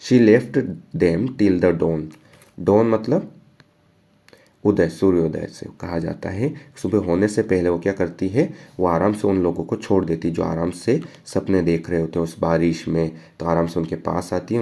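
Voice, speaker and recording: A man, explaining a poem line by line as a teacher, reading each verse slowly and then talking it through casually. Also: sits low, steady tone, creaky, mellow. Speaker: English teacher.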